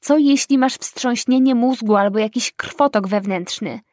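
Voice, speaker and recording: A woman's voice: on the high side, a little slow, darkish tone, no echo, clean studio sound, close to an everyday voice. A woman voicing an alarmed young woman, an insistent and protective best friend, in audiobook dialogue. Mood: urgent. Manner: urgent, insistent.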